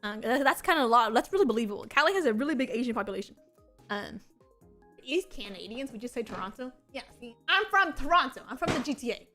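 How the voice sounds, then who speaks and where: A young woman VTuber with a slightly high, sharp-toned voice talks fast with lively intonation over soft background music. On a casual chat stream, she tells rambling, giggly stories full of laughs and filler words.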